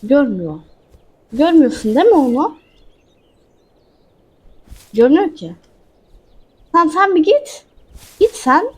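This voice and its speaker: A woman's voice: sits high, big pitch swings, unhurried, pauses often, darkish tone. A woman hosting a gaming channel, chatting casually to her viewers as she plays and talking back to a character in the game. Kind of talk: casual let's-play commentary.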